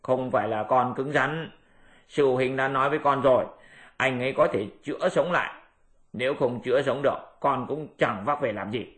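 A lazy pig-monk who grumbles, whines and schemes in a mid-pitched, everyday voice, as a male storyteller puts him on. He complains about every chore and plots small revenges. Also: moderate pace, a bit bright, natural voice. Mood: whiny.

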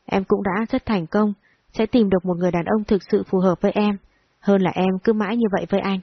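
A woman's voice: medium pitch, fairly even intonation, fairly quick, breathy edge, no room sound, lo-fi sound. A woman reading the lines of a cold, stern young male company director in an audio story, in a curt, firm way.

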